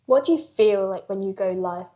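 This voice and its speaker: A teenage girl hosts the podcast, asking questions and chiming in with quick agreement. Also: mid-range voice, dark tone. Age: teens. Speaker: podcast host. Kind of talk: casual interview.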